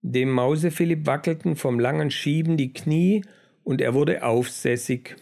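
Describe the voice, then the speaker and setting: A man reading a children's book aloud in a measured storytelling manner. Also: on the high side, gravelly, a little mellow. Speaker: narrator. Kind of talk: audiobook narration.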